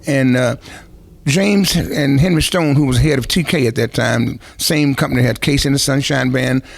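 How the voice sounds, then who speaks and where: Speaking at a normal speed with a gravelly, medium-pitched voice, an older man who is a veteran musician rambles through long stories in an interview, often restarting and going off on asides.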